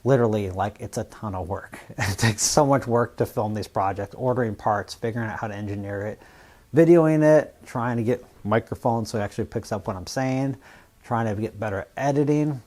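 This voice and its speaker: A man from the US Northwest who hosts a fabrication channel, talking casually and plainly to camera in a relaxed, rambling way. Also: fairly low pitch, fairly quick. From Washington State, US Northwest. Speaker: YouTube fabrication channel host.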